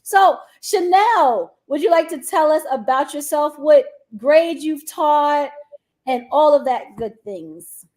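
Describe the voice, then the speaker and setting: A woman's voice: high voice, lively intonation, slow pace, a little mellow. A woman hosting a live-streamed interview, upbeat and talking directly to her viewers. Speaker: host.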